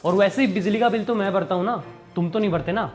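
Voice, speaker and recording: A man playing a calm, lecturing husband. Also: high voice, fast, soft background music, lightly acted. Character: calm fair-minded husband lecturing his wife.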